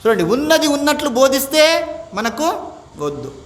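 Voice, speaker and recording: Man, swami, spiritual discourse, high voice, rhetorical questions, chanted verses, echoey room. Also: very animated, normal speed. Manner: mixes English words into his talk. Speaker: swami teaching the Gita. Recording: echoey room, faint background noise.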